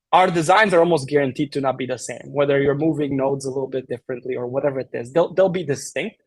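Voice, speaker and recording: A man from Romania, guesting on a podcast for a tech company, gives fast explanations laden with fillers and frequent restarts, carrying a slight Romanian accent. His voice is a little high, with no room sound.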